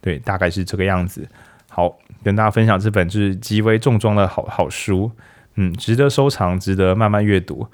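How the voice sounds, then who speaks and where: A man's voice: on the low side, brisk. A man hosting a casual book talk, chatty and joking, firing off rhetorical questions. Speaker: podcast host of a book talk.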